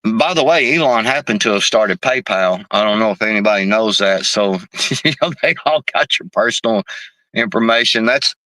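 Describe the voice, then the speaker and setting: A man's voice: on the low side, animated, normal speed, bright, forceful tone, no echo. A man hosting a casual live stream, reading chat messages, talking loosely and profanely and saying "man" and "bro" all the time. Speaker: livestream host reading chat.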